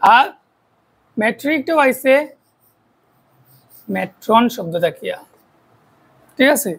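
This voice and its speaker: A woman with a Sylheti accent gives a math lesson for a video, with a high, slightly husky voice. She breaks each idea into small steps and keeps asking her students questions before answering them herself. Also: animated, takes it slowly, poor audio. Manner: explains step by step, keeps checking with rhetorical questions. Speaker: math teacher.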